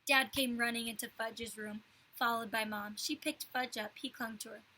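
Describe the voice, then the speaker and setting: A woman reading a chapter book aloud to children, pausing to explain words in a clear storytelling manner. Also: on the high side, steady tone, pushed and bright, low-quality recording.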